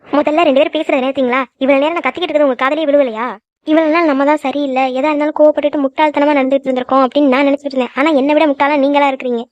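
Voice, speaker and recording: Rapid-fire, high cartoon young woman voiced by a woman. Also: flat delivery, no echo, natural voice. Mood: scolding. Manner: scolding, lecturing, then frightened. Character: young woman, hot-tempered friend turned peacemaker. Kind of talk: cartoon voice acting. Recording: dull lo-fi dry recording.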